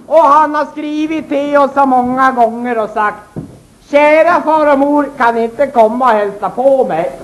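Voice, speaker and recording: A man's voice: extremely high pitch, slight background noise, poor audio. A man voicing an old rustic farmer who tells a rambling comic yarn in a folksy way, often calling to his listeners. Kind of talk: comic character monologue.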